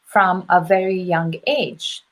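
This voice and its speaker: A woman teaching English as a live-stream host, chatting casually in clear, simple, encouraging phrases. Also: lowish voice, fairly even intonation, takes it slowly, a bit bright. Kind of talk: casual live conversation class.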